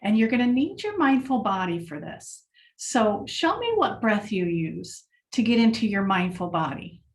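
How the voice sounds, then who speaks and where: A woman leading a children's mindfulness lesson, speaking gently and encouragingly to the class. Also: mid-range voice, very animated, normal speed, recorded from a distance.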